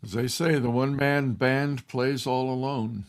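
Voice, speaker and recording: A man hosting an online music session, introducing the next act in a halting way with fillers. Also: mid-range voice, steady tone. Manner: halting, with fillers and throat clearing. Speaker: host. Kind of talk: casual introductions on a video call. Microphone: video call.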